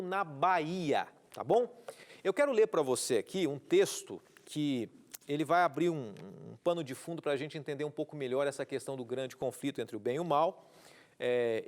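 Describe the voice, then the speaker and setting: A man's voice: on the high side, a little mellow. A man with a Brazilian Portuguese accent, a pastor teaching a Bible study on a TV program, earnest and repeating key words, asking rhetorical questions and reading out viewer messages. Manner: reads out viewer messages with greetings. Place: TV studio.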